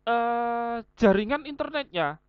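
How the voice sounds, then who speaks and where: A woman's voice: fairly high pitch, animated, slow pace, smooth, dry recording, narrow, tinny audio, faint music behind. A woman teacher giving an online class lecture, going through points one by one with everyday examples. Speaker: vocational school teacher.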